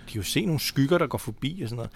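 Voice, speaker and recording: A man's voice: mid-range voice, lively intonation, creaky, soft background music. A man co-hosting a casual podcast, often agreeing with short replies and adding details to the recap. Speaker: podcast co-host. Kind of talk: casual chat.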